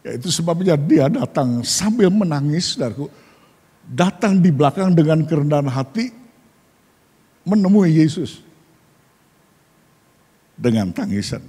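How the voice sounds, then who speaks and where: Male pastor, sermon delivery, husky and slightly high voice, long hall reverb. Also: unhurried, pauses often. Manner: animated preaching, often addressing listeners as brothers and sisters.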